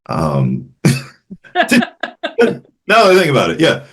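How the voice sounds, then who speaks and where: A man's voice: on the high side, wildly swooping pitch, fairly bright tone, slightly rough. A man from Memphis, a jazz flutist talking reflectively as an interview guest, often restarting his sentences. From Memphis, Tennessee. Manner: reflective, halting with frequent restarts. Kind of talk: casual interview conversation.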